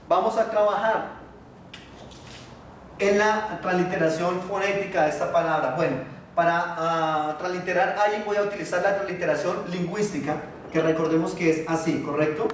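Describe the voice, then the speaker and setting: Guy teaching a class, highish voice, sounds far from the mic in a big echoey room, faint room hum. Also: normal speed. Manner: patient, asks the class questions, many filler "ah". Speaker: Biblical Hebrew teacher. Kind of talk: classroom lesson.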